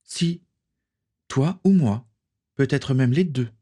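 A man playing a tough pirate woman, fierce and curt, her voice lifted a little above his own and husky. A storybook fighter who never backs down. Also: medium pitch, takes it slowly, dark tone, voice pushed up. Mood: defiant. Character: defiant wounded female pirate, fierce. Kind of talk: audiobook character voice.

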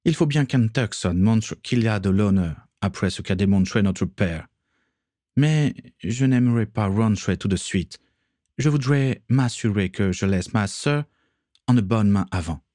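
A man's voice: fairly low pitch, lively intonation, mellow, dry recording, clean studio sound. A man playing a remorseful young brother. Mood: earnest. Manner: slow, deliberate.

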